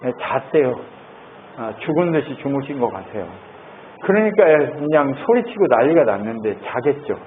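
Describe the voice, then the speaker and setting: Man preaching, lively, animated swings in pitch, tinny phone-like sound, faint noise. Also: moderate pace. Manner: lively, keeps asking the congregation questions. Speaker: pastor. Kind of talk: sermon.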